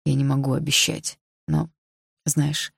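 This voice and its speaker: A woman voicing a troubled, protective young man in an audiobook, speaking hushed and urgent. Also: deep voice, level tone, unhurried, gravelly, husky, no room sound, studio quality, exaggerated voice. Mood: tender.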